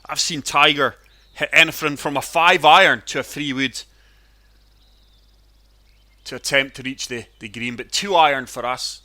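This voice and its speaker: A man's voice: fairly high pitch, normal speed, long pauses, bright, forceful tone. A man sounding chesty and wheezy from a cold, giving casual commentary on a golf video game as the channel's host. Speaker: gaming channel host and player.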